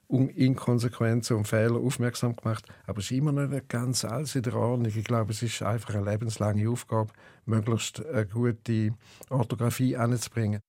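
A poet with a St. Gallen Swiss German accent, talking thoughtfully in an interview and hesitating often. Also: male voice, mid-range voice, a little mellow, no room sound. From eastern Switzerland. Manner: rhythmic, chanting recitation when reading poems. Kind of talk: interview and poetry reading.

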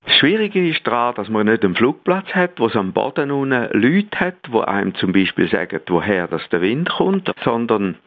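A man with a Swiss German accent and a gravelly voice, explaining something unscripted in an interview. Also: mid-range voice, very animated, moderate pace. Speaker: pilot being interviewed. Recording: dull, band-limited interview sound.

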